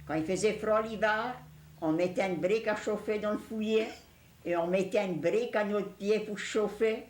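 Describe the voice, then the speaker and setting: An older woman speaks rural Cajun French, dropping in the odd English word. She tells her memories in a plain, casual way, with a middle-pitched voice and clear room echo around it. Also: moderate pace, a little hiss or hum. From Louisiana, USA. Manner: plain-spoken, rural storytelling with English words mixed in. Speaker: interviewee recalling family life. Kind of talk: casual oral-history reminiscence. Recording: echoey room recording.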